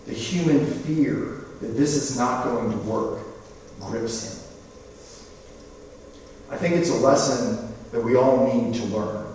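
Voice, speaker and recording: A man's voice: mid-range voice, distant mic, slight background noise. Man preaching in an echoey hall. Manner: storytelling, conversational, animated asides. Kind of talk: sermon.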